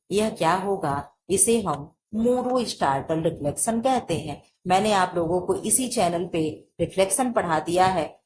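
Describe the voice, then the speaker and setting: A woman teacher runs through exam-prep material, asking herself quick rhetorical questions and answering them. Her voice sits at an ordinary pitch. A clear layer of noise runs under the recording. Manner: explains and quizzes herself with repeated rhetorical questions.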